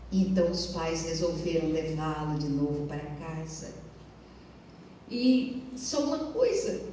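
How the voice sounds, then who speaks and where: A woman lecturer tells a story in a lyrical, measured way during a spiritual talk. Her voice is slow and mellow. It reaches a distant mic with a long, ringing reverb and faint room noise. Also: on the low side. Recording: echoey hall, mic far off.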